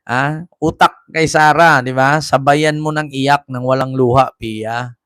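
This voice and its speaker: Male commentator, slow, mocking delivery, dry close sound, frequent laughter. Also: mid-range voice, fairly even intonation, a bit bright, clean tone, dry recording. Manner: mocking, laughs often, reads viewer comments aloud. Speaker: commentary vlogger. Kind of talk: casual commentary over clips.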